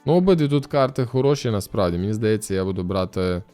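A young man from Ukraine giving chatty gameplay commentary as a streamer, musing aloud with sudden excited outbursts. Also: fairly low pitch, fast, smooth, faint music behind.

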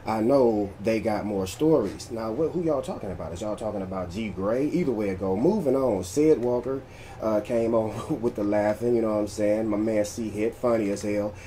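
A man's voice: fairly low pitch, normal speed, warm tone, a little hiss or hum. A man hosting a casual commentary vlog, joking loosely and reading posts aloud. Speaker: vlog host recapping battle rap drama.

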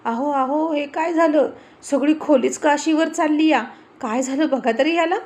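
A woman's voice: sits high, moderate pace, pitched above the performer's own voice, close to an everyday voice. A timid village man, as a woman narrator puts him on who panics and pleads in a raised, shaky storybook voice. He sounds fearful and unsure of everything around him. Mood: panicked. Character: timid frightened village man in his first lift. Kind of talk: storybook reading with character voices.

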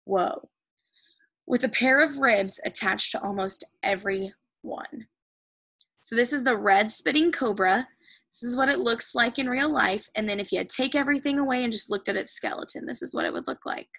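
An American woman teaches a recorded reading lesson to children, first reading the text aloud slowly and then explaining it enthusiastically. Her voice is on the high side, pushed and bright, with vocal fry.

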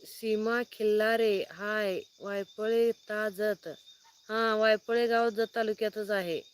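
Greeting her viewers one at a time by name, a woman farmer from Sangli district, Maharashtra, chats on a phone live stream while sitting under a light outside at night. Her voice is medium-pitched and steady, and she talks slowly, with slight background noise.

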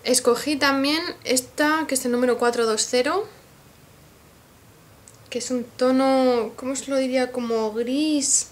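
A woman's voice: sits high, unhurried. A woman with a Spain Spanish accent, a beauty vlogger showing off makeup in a casual haul video, gushing and talking straight to her viewers. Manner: gushing, excitable, addresses viewers directly.

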